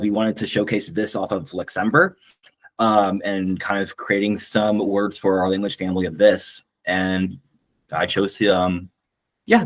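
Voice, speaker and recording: A man's voice: on the low side, low-quality recording. A man on a video call explaining things hesitantly, with many fillers. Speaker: co-host of the channel. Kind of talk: casual video call chat.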